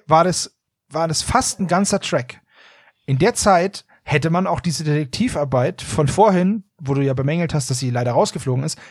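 Ein Mann, der in einem lockeren Podcast-Gespräch lebhaft über ein Hörspiel plaudert und dabei oft lacht. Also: male voice, on the high side, husky, dry recording, studio quality. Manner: animated, laughs often, quick asides. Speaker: podcast co-host. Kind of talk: casual podcast chat reviewing an audio drama.

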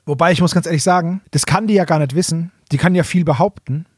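Here a man speaks quickly in a slightly high, husky voice while co-hosting a podcast, joking casually through a recap of an audio drama and dropping in short mock quotes. There's no echo, and the studio sound is clean.

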